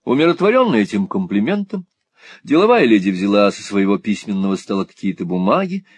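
A man reading a classic novel aloud as an audiobook narrator, telling the story in a lively, expressive way. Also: on the low side, brisk, breathy edge, no room sound. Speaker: audiobook reader. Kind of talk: scripted narration.

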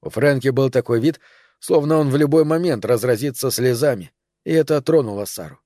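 A man reads a novel aloud in a steady, measured way, his pitch sitting in an ordinary middle register. The recording is dry and close, with no room echo. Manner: even, measured storytelling. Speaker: audiobook reader. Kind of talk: scripted narration.

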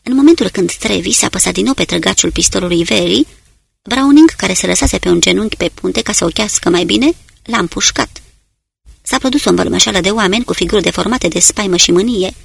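A narrator reading a war novel aloud in a steady storytelling delivery. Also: mid-range voice, gravelly, husky, no room sound. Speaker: audiobook narrator. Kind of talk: dramatic audiobook narration.

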